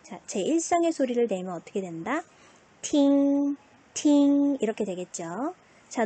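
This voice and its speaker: A woman teacher records an online lesson. Her voice is fairly high and breathy-husky. She keeps asking her students questions and answers them herself, like a teacher in class. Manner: asks and answers her own questions, lively.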